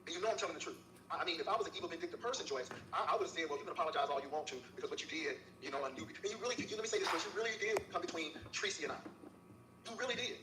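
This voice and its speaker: A man's voice: high voice, animated, very fast. A man delivering a heated, preachy monologue to a rival, scolding her and repeating her name. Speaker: YouTuber in a clip. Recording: echoey room, far from the mic, faint hiss.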